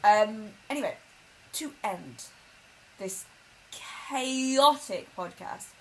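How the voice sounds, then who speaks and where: A woman's voice: mid-range voice, lively intonation, drawn-out words, fairly bright tone, rough recording. A young woman co-hosting a chaotic podcast, chatty and swearing, often laughing. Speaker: podcast co-host. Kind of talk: casual chat. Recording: faint background noise.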